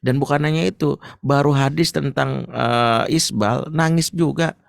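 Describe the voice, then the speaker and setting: A man speaking as an ustadz in an Islamic parenting talk, answering a question in a lively, joking way. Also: medium pitch, measured pace, vocal fry, dry recording, clean studio sound. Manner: lively, joking, acts out stories.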